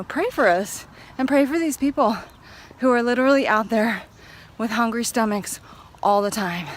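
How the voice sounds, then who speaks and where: Woman vlogger walking outdoors, casual upbeat chatter, a bit winded, light traffic noise. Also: medium pitch. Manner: chatty, upbeat, rambling with fillers. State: slightly out of breath. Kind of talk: casual vlog chat. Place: outdoors on a walk.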